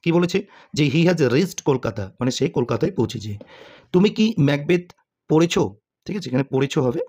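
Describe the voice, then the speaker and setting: A man's voice: a little high, a little mellow, lo-fi sound. A man teaching English grammar to students, asking questions and answering them himself, with frequent "okay?" check-ins.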